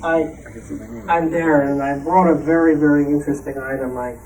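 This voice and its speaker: A club member shows off a collectible in a casual show-and-tell, telling the story while repeating and rephrasing his words. His voice is on the high side, steady, brisk and somewhat dark. A distant room mic picks him up with faint noise.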